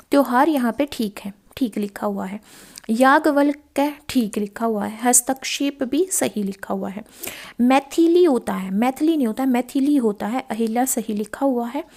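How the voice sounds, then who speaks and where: A woman's voice: a little high, darkish tone. A woman teacher going through past exam questions, asking and answering her own questions and repeating key words. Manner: explanatory, asks questions then answers them; repeats key words, mixes in English phrases. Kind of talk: exam-prep lesson explaining past paper questions.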